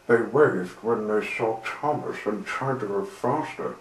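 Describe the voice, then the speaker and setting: Slow, unhurried male storyteller. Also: on the low side. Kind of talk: storybook reading. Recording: roomy with faint hiss.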